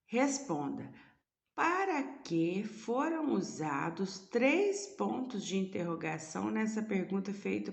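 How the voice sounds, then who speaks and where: A woman's voice: mid-range voice, gravelly, darkish tone, roomy sound. A woman teacher explaining a lesson remotely, asking her students rhetorical questions as she goes.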